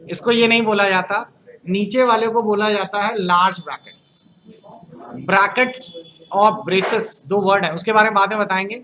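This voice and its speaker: A computer class lecture from a man in Uttar Pradesh, whose high, sharp voice holds a steady tone at normal speed over a faint hiss or hum. Speaking Uttar Pradesh Hindi, he quizzes the students and jokes with them.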